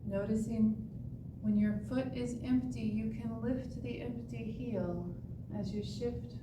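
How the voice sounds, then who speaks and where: A woman tai chi instructor giving serene, meditative movement and breathing cues with long pauses. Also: fairly even intonation. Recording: echoey, distant mic with clear rumbling noise.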